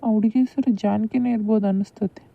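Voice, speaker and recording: A woman's voice: medium pitch, fairly even intonation, quick pace, gravelly, no echo, lightly acted. A lovestruck young man in a cartoon, eager and prying, voiced by a woman. The audio is dull, lo-fi and dry. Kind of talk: cartoon voice acting.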